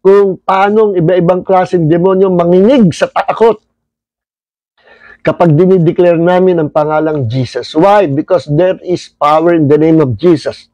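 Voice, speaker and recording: An older man with a Filipino accent, a pastor telling stories in a livestreamed Bible study sermon, mixing English phrases into his talk and crying out loudly at times. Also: high-pitched, a little slow, no room sound, low-quality recording.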